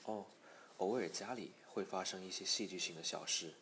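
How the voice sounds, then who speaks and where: A man narrating a storybook in a measured, even manner. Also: sits low, a little hiss or hum. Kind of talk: audiobook storytelling.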